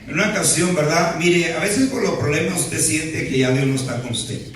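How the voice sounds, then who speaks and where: Man, pastor preaching a sermon, slightly high voice, talks from far off the mic. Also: normal speed, a bit bright, a little hiss or hum. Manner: peppers speech with "¿verdad?" and playful asides. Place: church sanctuary. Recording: very echoey hall, voice from far off.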